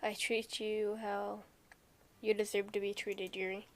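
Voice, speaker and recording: A woman playing a video game, reading a visual novel aloud as she goes. Her pace is slow and her pitch stays flat. She makes chatty, joking asides to her viewers.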